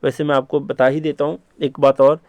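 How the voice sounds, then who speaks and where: A man's voice: a little high, flat delivery, a little fast, darkish tone, no echo. A man teaching exam-prep memory tricks, repeating key words and quizzing his listeners with short questions. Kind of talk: mnemonic lesson for students.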